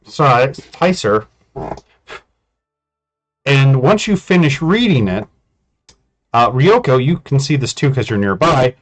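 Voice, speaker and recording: A man's voice: medium pitch, lively intonation, slow, long pauses, soft background music. A man casually narrating a tabletop game as game master, in an informal way.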